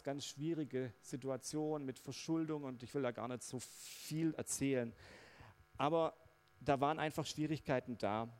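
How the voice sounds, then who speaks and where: A man preaching a personal testimony sermon, talking in a conversational, reflective way with frequent fillers. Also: fairly high pitch.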